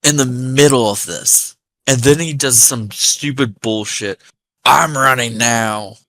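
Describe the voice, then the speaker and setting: A man's voice: medium pitch, a little slow, no echo, rough recording. A man with an American accent touched with Appalachian, telling anecdotes in a sweary, rambling casual chat. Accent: American, slightly Appalachian.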